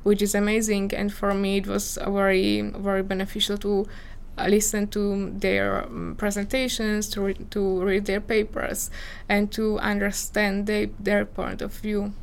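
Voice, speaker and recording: Slovak-accented young woman, vocal fry. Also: mid-range voice, completely flat delivery, measured pace, a little hiss or hum. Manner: earnest, searching for words in English. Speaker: visiting scholar guest. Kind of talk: casual interview answers.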